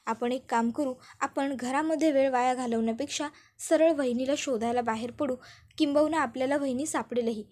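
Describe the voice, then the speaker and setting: A woman's voice: sits high, a little fast, a little mellow. A woman doing a worried young man. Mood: urgent. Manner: urgent, persuasive.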